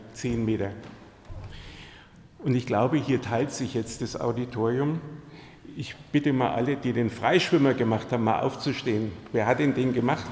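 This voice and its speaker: This pastor speaks in a mid-range, somewhat mellow voice, recorded in a reverberant church hall. Through his sermon he shares stories from his own life and asks the congregation questions directly.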